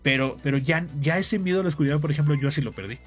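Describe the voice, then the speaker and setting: Fast-talking Mexican guy, slangy. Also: on the high side, faint music behind. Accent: Mexican Spanish. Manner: slangy, storytelling, peppers speech with "güey". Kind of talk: casual chat.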